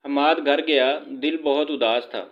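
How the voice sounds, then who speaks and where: A man narrating a scripted story in a steady, even reading. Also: medium pitch, lo-fi sound.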